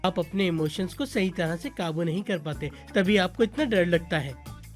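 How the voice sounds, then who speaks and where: A woman's voice: lowish voice, animated, normal speed, faint music behind, lightly acted. A woman dubbing a fussy, melodramatic young man who wails and sobs, in a Hindi-dubbed TV drama. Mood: fretful. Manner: theatrical wailing and sobbing.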